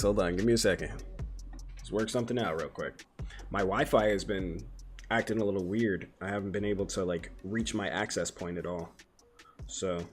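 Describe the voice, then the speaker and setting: A man chatting casually on a livestream, greeting viewers by name and muttering to himself as he sets things up at home. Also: low-pitched.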